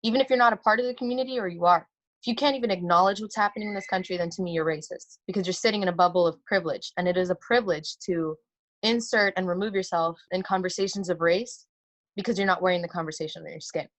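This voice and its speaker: A woman in her early twenties from the United States, a guest on a talk show, speaking passionately and deliberately. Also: lowish voice, a bit bright. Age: 20s. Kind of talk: earnest interview talk.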